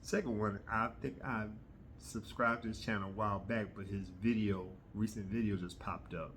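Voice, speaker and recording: A middle-aged man chatting casually to his viewers in a rambling, halting way, often pausing mid-sentence. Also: fairly low pitch, fairly even intonation, a bit bright, slight background noise. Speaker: host of a hobby video channel. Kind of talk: casual rambling vlog chat.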